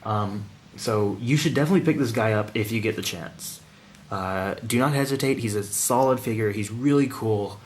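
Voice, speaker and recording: A man's voice: lowish voice, normal speed, a little hiss or hum. A man giving a casual hands-on toy review in an informal, slangy, enthusiastic manner.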